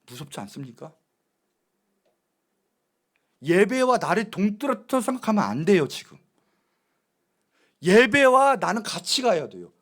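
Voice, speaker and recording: High, lively-voiced male pastor preaching. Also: moderate pace. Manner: emphatic preaching with rhetorical questions to the congregation. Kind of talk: sermon. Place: church sanctuary.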